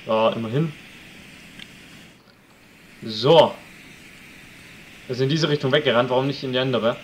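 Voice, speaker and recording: A man's voice: mid-range voice, a little slow, slight background noise, poor audio. Chatty man narrating his gameplay. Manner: chatty, jokey, talks to the audience, shouts at wolves. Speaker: let's play commentator. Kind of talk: casual gameplay commentary.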